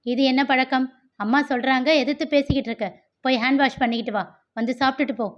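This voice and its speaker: A woman's voice: fairly high pitch, brisk, lo-fi sound, lightly acted. A woman voicing a stern, protective young man, an older brother who talks firmly and questions everyone. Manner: firm, questioning, commanding.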